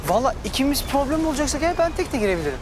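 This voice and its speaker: A man's voice: extremely high pitch, very animated, racing, noisy background. A young adult man playing an exasperated guy stuck in a friend's dream, complaining and pleading. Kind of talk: sitcom acting.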